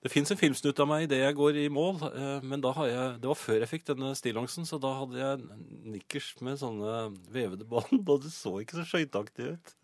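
A man co-hosting a comedic radio show in a studio, telling stories in a deadpan, hesitant way. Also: mid-range voice, dry recording. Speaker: radio host. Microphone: studio microphone.

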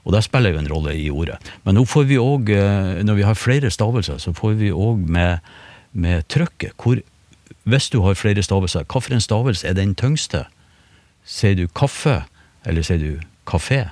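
A man explaining word sounds in a relaxed radio conversation, with frequent fillers and restarts. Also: lowish voice, dry recording. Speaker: phonetics expert. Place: radio studio.

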